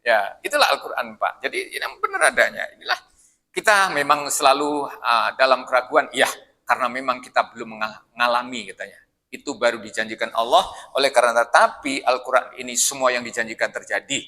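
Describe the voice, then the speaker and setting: A man's voice: medium pitch, lively intonation, fairly quick, pushed and bright. A man preaching a mosque sermon, telling stories and addressing the listeners directly.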